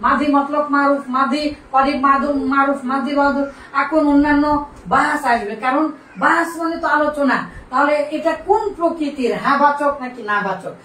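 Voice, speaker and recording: A woman with a high, slightly bright voice and fairly even intonation teaches an Arabic grammar lesson at a moderate pace, quizzing students and repeating key terms. The classroom recording is echoey, with a distant mic and faint noise.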